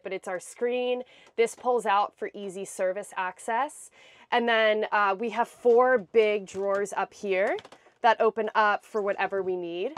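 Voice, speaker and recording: Speaking casually into a clip-on lapel mic, a young adult American woman with a medium-pitched voice leads a chatty tour through a small camper van, explaining as she goes. The recording is dry.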